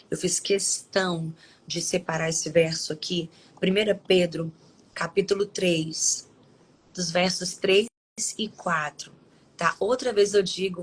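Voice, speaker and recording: Low-voiced woman giving a devotional talk. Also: slightly rough, poor audio. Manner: conversational, with frequent tag questions and restarts. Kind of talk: devotional talk and scripture reading.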